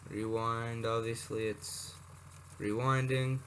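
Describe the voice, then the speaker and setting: This man has a mid-range voice with a steady tone and slow pace. A hobbyist video presenter, he shows off vintage electronics in a casual, unscripted demo, rambling with asides and correcting himself. The amateur recording is noisy and has clicks.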